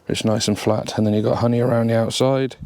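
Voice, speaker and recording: This relaxed, chatty beekeeper has an English accent and a mid-range voice that moves at a quick pace. Wearing a bee suit, he inspects his hive outdoors in a grassy apiary, thinking aloud and sniffling from hay fever. A camera positioned near the hive records him.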